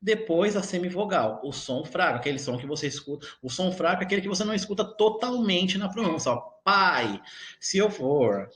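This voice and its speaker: A male teacher with a Brazilian Portuguese accent and a high voice with lively intonation teaches an online grammar lesson. He explains slowly and often checks in with his students, and the room sounds echoey.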